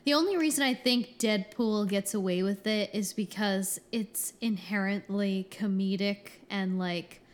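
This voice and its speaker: Slow, measured young woman. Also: mid-range voice. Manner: measured, thoughtful, hedging. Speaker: podcast panelist. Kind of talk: casual chat.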